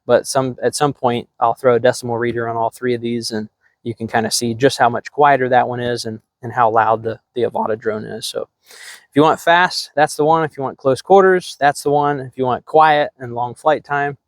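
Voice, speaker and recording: A man's voice: mid-range voice, normal speed, dry recording. A middle-aged man hosting a drone hobby channel, talking casually to camera with lots of ums and restarts. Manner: relaxed, rambling, many ums and restarts. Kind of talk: casual product talk to camera.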